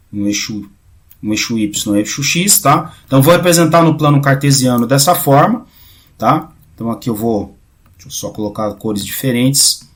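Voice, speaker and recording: A man giving a casual math lecture, often checking in with his students and restarting phrases, going quieter while he draws. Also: medium pitch. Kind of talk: informal recorded lecture.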